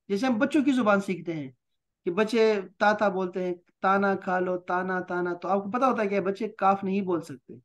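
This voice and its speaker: A man with a fairly high voice teaches a recorded language lesson. He explains step by step, repeating each phrase slowly so the listener can follow. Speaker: Arabic teacher.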